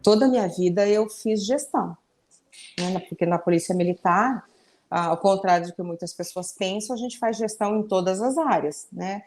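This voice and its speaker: A woman's voice: medium pitch, moderate pace, darkish tone, soft background music. A woman in her fifties from Brazil, a mayoral candidate answering interview questions earnestly, often tagging sentences with a questioning "né?" and restarting phrases. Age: 50s. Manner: earnest, with frequent "né?" tags and restarts.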